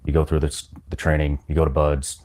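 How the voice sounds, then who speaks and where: A man's voice: very deep voice, monotone, brisk, a little mellow. A man hosting a podcast interview, asking blunt, terse questions and swearing casually.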